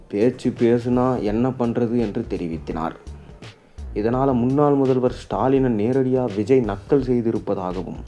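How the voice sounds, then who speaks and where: A man reading the news, relaying a political speech in a steady, even voice. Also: medium pitch. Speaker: news reader. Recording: dull lo-fi audio with faint music.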